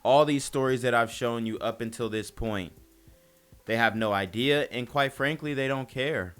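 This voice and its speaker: A man's voice: mid-range voice, moderate pace, a bit bright, clean tone. A man hosting a casual opinion commentary, talking bluntly and emphatically in slang into a close mic. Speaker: commentary channel host.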